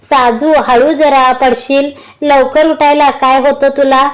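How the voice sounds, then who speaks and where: A woman voicing a fussing, caring older mother-in-law who scolds gently, in a high voice. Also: level tone, takes it slowly.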